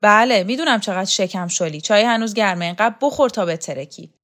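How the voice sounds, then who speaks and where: A woman's voice: medium pitch, expressive, a bit bright, lightly acted. A woman voicing a bossy older servant woman who mocks and barks orders at a girl in an audiobook. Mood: scolding. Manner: harsh, mocking, barking orders.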